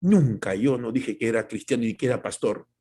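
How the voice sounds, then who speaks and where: A man's voice: mid-range voice, brisk, mellow, breathy edge. A man preaching a sermon as pastor, talking emphatically and directly to the congregation with many rhetorical questions.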